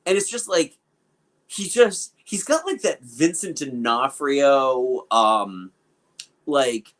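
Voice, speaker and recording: A male podcast co-host chats casually about a film, riffing with lots of fillers and opinions. His voice is medium-pitched and a bit bright, with big swings in pitch and a slow pace.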